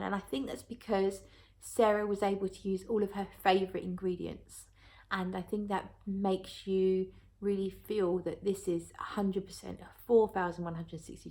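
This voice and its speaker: A woman's voice: medium pitch, a little mellow. A woman talking casually to viewers as a reviewer, chatty and thinking aloud as she goes. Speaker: perfume reviewer.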